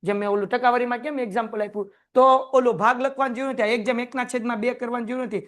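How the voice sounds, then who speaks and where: A man teaching a class, lively and joking as he quizzes his students. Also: very high voice, racing. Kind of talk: classroom lecture.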